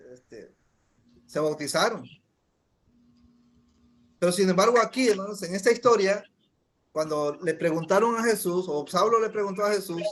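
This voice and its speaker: A man preaching a sermon, emphatic, often calling his listeners brothers. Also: sits high.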